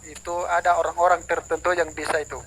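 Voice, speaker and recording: Hesitant high-voiced man on a call. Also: flat delivery, fast talker, no echo, low-quality recording. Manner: hesitant, evasive, trails off quietly.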